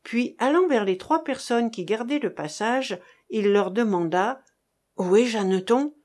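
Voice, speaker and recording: A woman narrating a chapter of a novel as an audiobook, with a measured, dramatic reading. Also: fairly high pitch, animated, a little mellow. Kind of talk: scripted narration.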